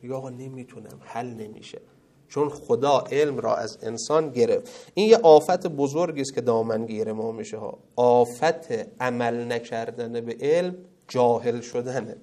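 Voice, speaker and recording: Teaching a religious ethics class at a seminary, this man recites Arabic sayings and then unpacks them, alternating strong stresses with hushed side remarks. He speaks in a mid-range voice.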